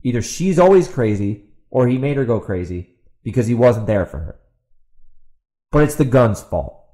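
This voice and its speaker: A podcast host and author rants off the cuff in a medium-pitched, mellow, expressive voice at a moderate pace. He sounds exasperated and sarcastic, repeating himself for emphasis and firing rhetorical questions at an opponent who isn't there.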